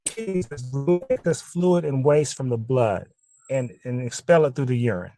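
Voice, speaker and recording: A man on a phone call whose voice fades in and out through static, explaining in a halting way with restarts. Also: mid-range voice, warm tone, soft background music. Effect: phone line fading in and out through static. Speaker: guest explaining health topic. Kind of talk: casual call-in chat.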